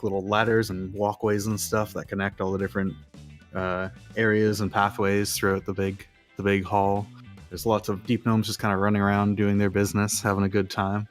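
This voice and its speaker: A man narrating as dungeon master in a casual tabletop game, describing scenes in a loose way, full of uh and like. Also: on the low side. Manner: loose, filler-heavy narration with frequent uh and like.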